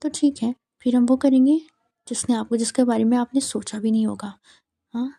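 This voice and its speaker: A woman's voice: fairly high pitch, fairly even intonation, fairly quick, creaky, dark tone. Woman doing a teasing playful young groom.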